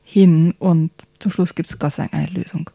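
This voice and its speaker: A woman podcast host reading a children's story aloud in a soft, partly whispered way, then talking about the book. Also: fairly low pitch, fairly even intonation, normal speed, vocal fry, no room sound, clean studio sound.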